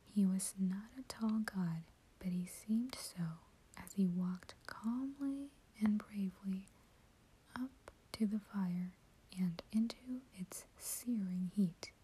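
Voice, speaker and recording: A woman hosting her own channel, reading a short story aloud in a soft, steady whisper. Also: mid-range voice, slow pace, a little hiss or hum, low-quality recording.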